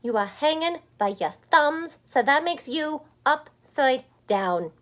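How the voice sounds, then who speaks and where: Woman doing a loud, blunt storybook bat. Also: sits high, lively intonation, takes it slowly, pitched above the performer's own voice, full character voice. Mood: insistent. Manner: loud, matter-of-fact, emphatic correcting. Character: loud, blunt, know-it-all bat stranger.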